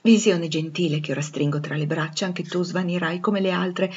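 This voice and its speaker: A woman reading the part of a blind, passionate man who cries out loudly and urgently. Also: lowish voice, steady tone, normal speed, husky, dull audio. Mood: yearning. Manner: loud, imperious, then breathless with joy. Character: blind anguished middle-aged man, passionate.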